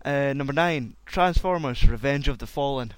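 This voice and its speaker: A man's voice: mid-range voice, moderate pace, smooth, dry recording. A man hosting a casual chat, loose and rambling. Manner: loose and rambling, laughs a lot. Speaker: podcast host.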